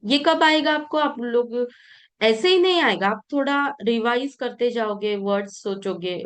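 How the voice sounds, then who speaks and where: A woman teaching a beginners' language class, checking in often with "okay?" and repeating words slowly for pronunciation. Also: mid-range voice, clear, resonant tone. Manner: encouraging, coaching tone.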